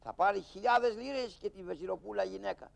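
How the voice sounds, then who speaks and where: A man voicing a polite, formal older puppet character who explains things calmly in a live shadow-puppet show. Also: high voice, gravelly. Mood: explaining.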